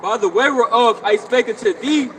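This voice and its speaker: A man's voice: extremely high pitch, moderate pace. A man reading Bible verses aloud on a city street, declaiming each line. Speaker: scripture reader. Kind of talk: reading scripture aloud outdoors. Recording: distant voice over street noise.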